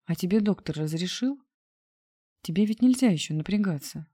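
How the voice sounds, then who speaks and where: A woman reading aloud voices a loving young woman who teases and scolds her partner, her voice raised above the reader's own. The sound stays mellow and dry, as in a close storybook reading. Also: fairly low pitch, expressive, moderate pace, slightly rough, no room sound. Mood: teasing. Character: young woman, affectionate, teasing lover.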